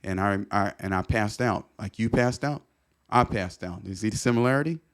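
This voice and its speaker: A man's voice: lowish voice, normal speed. A middle-aged man telling a personal story as a podcast guest, earnest and repetitive, often restarting his sentences.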